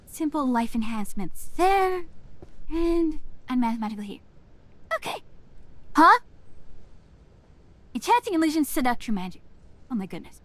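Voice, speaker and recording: A woman's voice: high voice, very animated, moderate pace, pauses often, fairly bright tone. A woman livestreaming a game in a cute anime-streamer manner, chatting casually as a witch persona. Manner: reads titles aloud and murmurs reactions to them. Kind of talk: casual livestream chat while playing.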